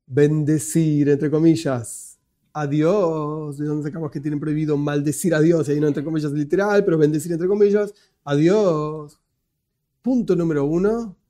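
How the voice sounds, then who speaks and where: An Argentine man teaches a lesson from slides, his voice sitting a little high for a man yet soft and mellow in tone. He explains step by step and pauses to correct himself aloud. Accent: Argentine Spanish. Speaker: religious teacher. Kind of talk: lecture with slides.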